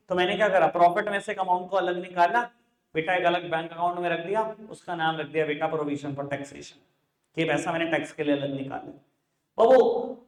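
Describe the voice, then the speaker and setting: An Indian man teaching accounts, speaking in a voice that sits a little high. He coaches his students fondly and goes over every point again. The room around him is echoey. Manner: affectionate, addresses students as beta, repeats points. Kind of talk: classroom lecture.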